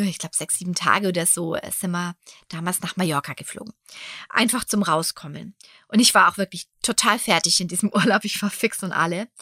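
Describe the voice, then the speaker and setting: A woman in her forties, hosting a podcast and telling a personal story in a chatty way, often dropping into hushed near-whispers. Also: fairly high pitch, no echo, clean studio sound. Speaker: podcast host.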